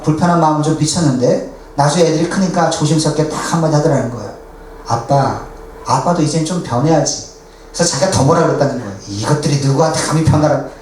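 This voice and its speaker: A high-voiced male pastor preaches earnestly, telling stories and voicing the people in them. His voice rings through a very echoey church from some distance away, with faint hiss underneath. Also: a little mellow. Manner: earnest preaching, acts out quoted dialogue. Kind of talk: sermon with storytelling. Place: church sanctuary.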